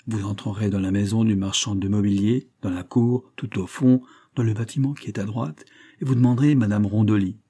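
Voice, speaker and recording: Guy reading as a guarded young woman in a storybook, hesitant, dark husky tone. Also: lowish voice, steady tone, brisk, close to an everyday voice. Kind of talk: audiobook reading.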